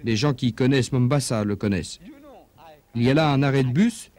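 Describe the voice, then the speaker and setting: In a dubbed religious lecture, a man preaches emphatically and poses rhetorical questions, his pitch rising and falling. His delivery is slightly quick and somewhat mellow.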